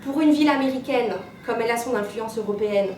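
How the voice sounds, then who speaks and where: A woman, a maths teacher chatting in an interview and pausing often on "euh". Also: darkish tone. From Martinique. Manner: chatty storyteller, many "euh" pauses. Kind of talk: casual interview answers. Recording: roomy, distant mic, rumbling noise.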